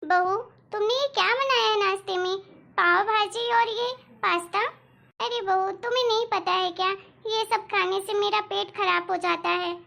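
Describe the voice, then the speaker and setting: A woman's voice: very high voice, moderate pace, gravelly, pushed and bright, heavily acted. A woman voicing a scheming, complaining mother-in-law in a cartoon story, nagging and blaming. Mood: scolding. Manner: nagging, complaining, blames others. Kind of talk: animated cartoon voice acting.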